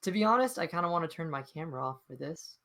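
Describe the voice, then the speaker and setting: A man's voice: on the high side, lively intonation, fast talker, bright, forceful tone. A man acting as game master, chatting casually out of character with muttered asides, on earbuds.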